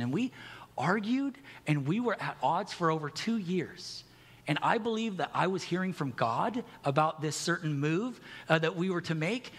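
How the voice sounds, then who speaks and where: A man's voice: on the high side, fairly bright tone, slightly rough, long reverb tail. A middle-aged man preaching a sermon as pastor, candid and conversational, with self-deprecating humor.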